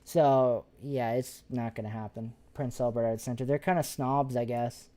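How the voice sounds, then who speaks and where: Low-voiced woman chatting on stream. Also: steady tone, normal speed, warm tone. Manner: rambling, chatty, with frequent restarts and fillers. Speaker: paranormal investigator and streamer. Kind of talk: casual live-stream chat.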